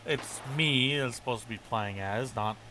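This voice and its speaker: A man giving excitable, casual commentary while playing a game, often chuckling to himself, with a noisy recording. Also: medium pitch, normal speed. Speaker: gameplay commentator. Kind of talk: casual let's-play commentary.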